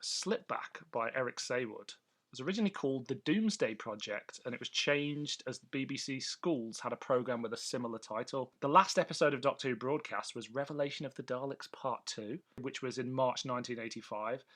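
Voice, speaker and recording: A podcast co-host chats casually about a vintage TV and radio show, sharing bits of trivia in an informative way. His medium-pitched voice is brisk and fairly bright.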